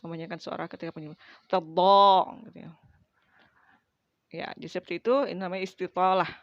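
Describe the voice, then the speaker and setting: A woman's voice: fairly low pitch, little pitch movement, rapid-fire, no echo, muffled recording. A woman teaching Quran pronunciation in a casual lesson, demonstrating letter sounds between many fillers.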